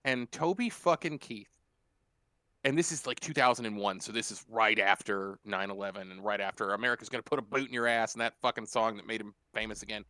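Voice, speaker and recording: Bright, animated man telling a story. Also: fairly low pitch, a little fast, clear, resonant tone, no echo. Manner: animated, profane, acts out quotes loudly. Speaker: podcast co-host. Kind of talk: casual storytelling chat.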